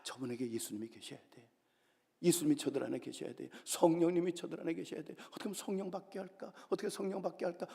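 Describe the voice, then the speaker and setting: Older male preacher, raspy and gravelly, animated storyteller, heard in a reverberant church hall. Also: fairly high pitch. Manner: animated storytelling with character voices and dramatic whispers. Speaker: pastor. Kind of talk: revival sermon. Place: church sanctuary.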